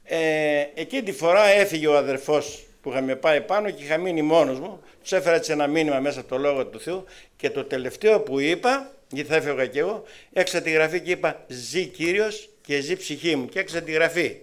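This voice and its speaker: A Greek man delivers a testimony sermon, preaching and telling testimony stories with lively storytelling that swings between loud and soft. His animated delivery ranges widely in pitch and loudness.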